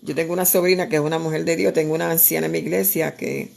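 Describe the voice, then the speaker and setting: A woman's voice: deep voice, fairly even intonation, fast talker, vocal fry, darkish tone. A woman, preaching earnestly in a conversational way, with frequent restarts. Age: 60s. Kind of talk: sermon-style exhortation.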